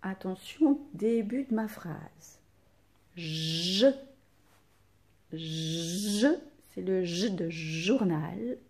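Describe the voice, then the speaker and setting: A woman's voice: lowish voice, drawn-out words, pauses often, crowd noise. A woman teacher giving a dictation to young children, spelling out letters and sounds and stressing each syllable.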